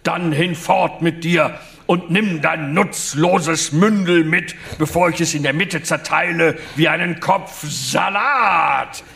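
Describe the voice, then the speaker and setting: Pompous self-styled knight, drawn-out, menacing old-fashioned speech, read by a man. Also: gravelly, fairly bright tone, full character voice. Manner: archaic, pompous, drawn-out booming delivery. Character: gruff man posing as a medieval knight, threatening.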